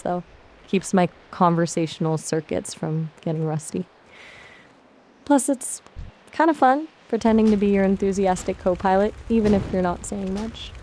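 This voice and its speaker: A woman's voice: on the low side, dark tone, a little hiss or hum. A synthetic woman's voice acting as a chatty, upbeat AI gaming companion in casual chat.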